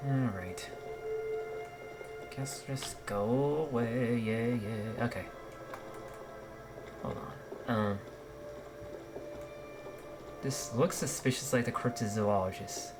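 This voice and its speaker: A woman's voice: extremely low pitch, slow, pauses often, over music. A woman streamer casually thinking aloud and reacting while playing a game, swearing now and then. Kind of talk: casual game let's-play commentary.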